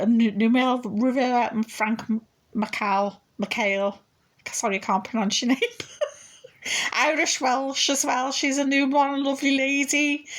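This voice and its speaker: Middle-aged woman, higher voice, casual rambling vlogger. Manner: chatty, rambling, with frequent laughs and fillers. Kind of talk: casual chatty vlog.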